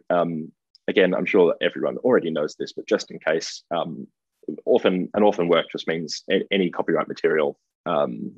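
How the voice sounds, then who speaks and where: A middle-aged Australian man presents a keynote from his office over a webcam, pausing on ums and restarting phrases. His voice sits very low with a husky edge. The audio is dull and lo-fi, with a dry, close sound. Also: darkish tone, no room sound. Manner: hesitant, frequent ums and restarts. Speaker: keynote speaker. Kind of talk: conference presentation over video call. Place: indoor office. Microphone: webcam video call.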